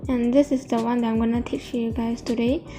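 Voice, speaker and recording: A high-voiced woman talks through a hands-on craft tutorial with braces on her teeth. She is casual and hesitant, often correcting herself, and music plays behind her. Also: steady tone, warm tone. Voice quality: speech slightly affected by new dental braces. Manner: halting, self-correcting, hesitant.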